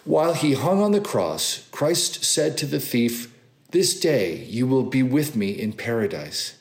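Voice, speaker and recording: A man reads devotional text in a formal, solemn style. He is very unhurried and deliberate, and his pitch rises and falls widely through the phrases. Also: sing-song, gravelly. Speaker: scripture and homily reader. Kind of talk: formal religious reading.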